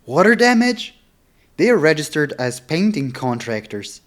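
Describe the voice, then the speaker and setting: Fairly high-pitched and very animated, this man talks a little slowly. He's a vlogger rehearsing sales cold calls in casual, candid fashion, using English as a second language after Italian or German.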